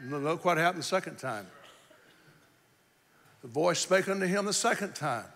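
A male pastor preaching an impassioned sermon, swinging between shouts and quick, quieter explanation. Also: a little high, lively intonation, vocal fry, in a large hall.

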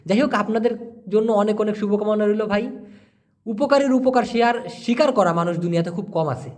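A man from Bangladesh teaching language and answering viewer questions, spelling out and repeating words slowly. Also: high-pitched.

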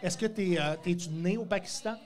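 Handheld mic in hand, this man hosts a casual podcast interview from a dark, neon-lit studio. His voice is high-pitched and his pace fairly quick.

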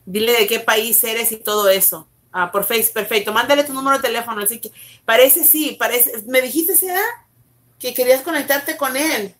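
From her bedroom at home, a woman pastor teaches the Bible on a live stream, briskly urging viewers along and greeting them by name. Her voice is fairly high with a fairly bright tone.

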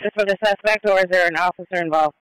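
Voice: medium pitch, steady tone, racing, fairly bright tone, smooth, dry recording, rough recording. A police radio dispatcher giving terse, procedural updates over scanner audio. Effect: police radio transmission.

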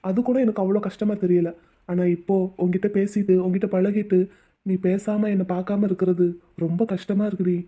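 A woman voicing a devoted rich young man in a cartoon drama, husky and pleading. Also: medium pitch, little pitch movement, fairly quick, dark tone, close to an everyday voice. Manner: pleading, tender. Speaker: voice actor. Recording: tinny phone-like audio.

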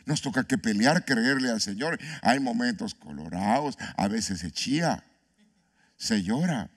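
A man pastor preaching an animated sermon, asking his congregation questions and mixing in humor. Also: medium pitch, measured pace. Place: church.

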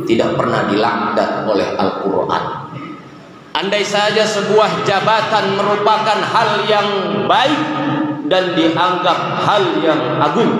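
A man's voice: fairly high pitch, a bit bright. A man in his thirties giving a Friday sermon, building repeated parallel phrases that rise for emphasis and chanting verses melodically. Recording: echoey hall with faint hiss.

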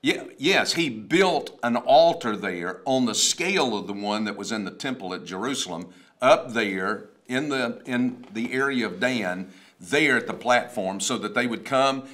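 A man's voice: mid-range voice, animated, unhurried, a bit bright. A man in his sixties, a pastor, chatting about a sermon in a rambling storytelling way, often restarting. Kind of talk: casual chat about a sermon. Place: wood-paneled studio, seated at a table.

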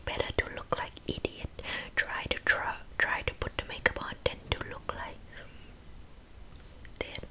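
A woman's voice: pushed and bright, rough recording. Woman's whispered role-play of a bossy, accented makeup artist. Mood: scolding. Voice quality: breathy unvoiced whisper with wet mouth sounds. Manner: scolding, blunt, clipped phrasing. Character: bossy, blunt, insulting female makeup artist.

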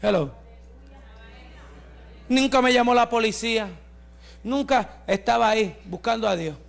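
High, gravelly-voiced preaching man. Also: a little slow. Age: 40s. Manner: fervent preaching, rising to shouts, with joking asides. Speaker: pastor. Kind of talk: testimony sermon.

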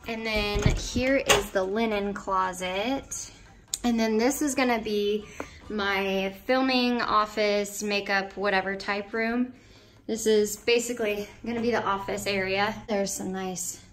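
This house-tour vlog features an American woman in her 20s talking informally and thinking out loud while she walks through vacant indoor rooms, camera or phone held at arm's length. She has a mid-range, fairly bright voice, and there's a little hiss or hum.

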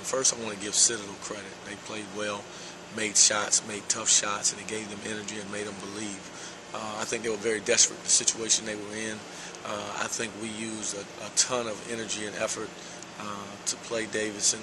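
A middle-aged basketball head coach gives a measured post-game interview in a large, empty indoor arena, often saying "uh." His voice sits on the low side with little pitch movement, and the background is noisy.

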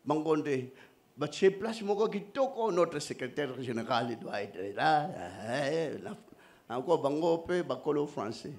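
A man's voice: a little high, animated, measured pace, creaky, darkish tone. A man preaching a sermon, speaking emphatically and raising his voice to the congregation. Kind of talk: sermon mixing Lingala and French.

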